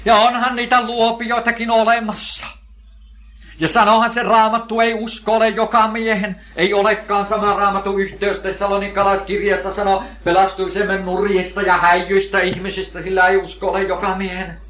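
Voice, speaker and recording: A man's voice: high voice, flat delivery, a bit bright. An older man preaching a sermon, emphatic, asking questions and answering them himself, repeating key phrases.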